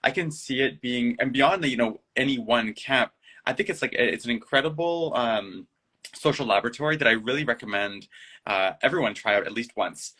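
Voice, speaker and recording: A man with a bright, ringing voice talks as a guest in a casual chat. He is reflective and playful, and now and then he slips into silly acted-out voices. His pitch sits in the middle. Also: brisk. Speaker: guest and play designer. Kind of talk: casual conversation.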